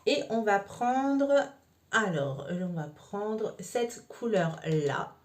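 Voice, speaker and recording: A woman's voice: mid-range voice, sing-song, very slow. A woman talking through a makeup tutorial step by step, casual and chatty with frequent fillers. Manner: chatty, explains each step with many fillers. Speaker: makeup vlogger.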